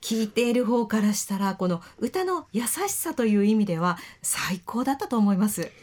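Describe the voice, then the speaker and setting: A woman's voice: medium pitch, sing-song, moderate pace, a little mellow. A woman radio host leading a friendly talk segment and asking attentive questions.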